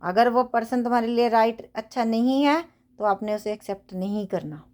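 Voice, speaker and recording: A woman's voice: fairly high pitch, normal speed, darkish tone. A woman giving a casual tarot reading for her viewers from her bedroom. She talks earnestly and preachily, repeats phrases, and mixes in English affirmations. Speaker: tarot reader. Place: home bedroom, cards spread on a bed.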